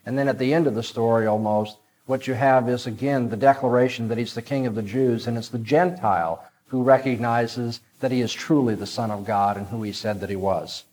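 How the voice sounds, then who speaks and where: Man preaching with measured emphasis. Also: mid-range voice, fairly even intonation, darkish tone, rough recording. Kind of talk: sermon with scripture reading.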